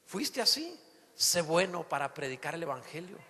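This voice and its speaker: A man preaching a sermon to his congregation, lively and theatrical, acting out the voices he quotes and breaking into sudden shouts. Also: a little high, normal speed. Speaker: pastor. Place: church sanctuary. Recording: long hall reverb in a church.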